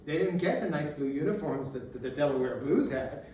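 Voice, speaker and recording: A man giving a casual local history talk to an audience, telling the story with energy and acting out shouted lines and laughing along the way. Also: a little high, brisk. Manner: animated storyteller, acts out shouted quotes, laughs often. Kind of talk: casual public lecture. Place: meeting room with audience. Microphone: distant camera. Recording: echoey room, faint noise, mic far off.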